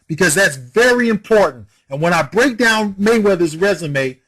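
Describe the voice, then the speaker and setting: Casting: man with a high voice, argumentative and scolding, rapid rhetorical questions, heated rant. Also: fairly bright tone, low-quality recording. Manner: swears and scolds the viewer. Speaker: boxing commentator.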